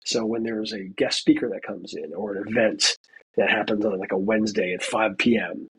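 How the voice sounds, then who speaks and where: This interview guest is a veteran student from the United States, a man in his forties who chats casually, leans on "you know," and performs the dialogue he quotes. His voice sits low, with a fairly bright, breathy tone at normal speed and fairly even intonation, captured in a low-quality recording.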